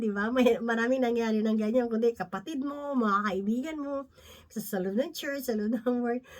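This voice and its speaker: Chatty woman preacher, higher voice. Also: a little mellow. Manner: conversational, often tags lines with "no?" and "di ba?"; mixes English phrases into her talk. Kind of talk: Bible teaching talk.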